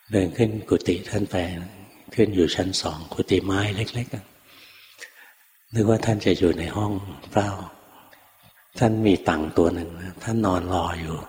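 An older man, a Buddhist monk, telling a story from his practice in a calm, unhurried dharma talk. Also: low-pitched. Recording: long hall reverb, faint noise.

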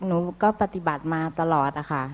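Woman, very low voice, soft polite question, dull lo-fi sound. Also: a little fast. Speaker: student asking a question.

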